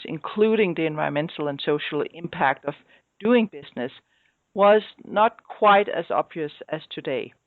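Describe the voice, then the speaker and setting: A woman's voice: deep voice, no room sound. A woman hosting a podcast who asks formal, prepared interview questions. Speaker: podcast host. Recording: dry, tinny phone-like sound.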